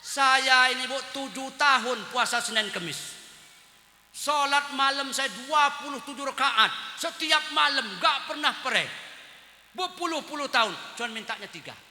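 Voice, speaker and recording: A male preacher with a Lampung Indonesian accent gives a humorous sermon. He swings between loud outbursts and low asides and acts out the voices he quotes. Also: normal speed. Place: community gathering hall. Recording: echoey hall with long reverb.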